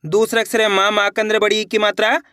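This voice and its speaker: A man teaching Hindi reading, sounding out each word slowly syllable by syllable, then repeating the whole word, patient and encouraging toward viewers. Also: high-pitched, flat delivery, bright, forceful tone, dry recording, clean studio sound. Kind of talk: online reading lesson.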